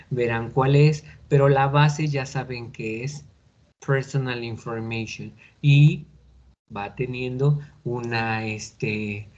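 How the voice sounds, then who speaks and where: A man teaching an English grammar class in a patient, deliberate way, often checking in with listeners. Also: medium pitch, a little mellow. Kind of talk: recorded online class explanation. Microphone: computer mic on a video call. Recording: dull lo-fi video call recording.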